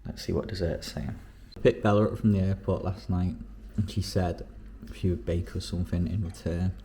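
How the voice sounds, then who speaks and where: A man with a very low voice talks his viewers through his week in a relaxed, upbeat way. He sounds like he's chatting at home in his kitchen. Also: normal speed, a little hiss or hum. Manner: chatty, upbeat commentary on food and training. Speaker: vlog host. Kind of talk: casual vlog narration.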